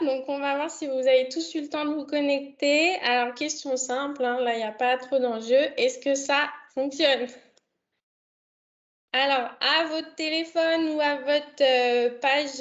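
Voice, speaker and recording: A young woman with a high voice hosts a live online session. She stops often on fillers and restarts her sentences. Her voice comes through a dull, lo-fi video call line. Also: steady tone, unhurried. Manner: hesitant, many fillers. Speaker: online event host. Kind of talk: hosting a video conference. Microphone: computer mic on a video call.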